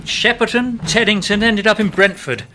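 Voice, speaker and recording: In a radio play, an actor voices an earnest, poetic English playwright who was once an army captain in the 1920s, speaking lyrically, reflectively and articulately with a wry mood. His natural male voice is high-pitched at a moderate pace, against a noisy background.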